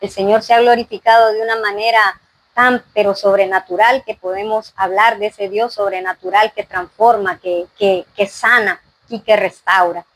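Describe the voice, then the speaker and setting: A woman's voice: medium pitch, steady tone, normal speed, a bit bright, no echo, rough recording. A woman giving an earnest faith testimony in an interview, full of fillers and "¿verdad?".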